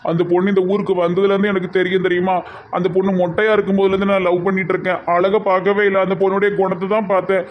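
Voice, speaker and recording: A man's voice: sits high, level tone, very fast, narrow, tinny audio, close to an everyday voice. A man with a Tirunelveli Tamil accent playing a heartbroken young village man who pleads and wails his complaints in a comic skit.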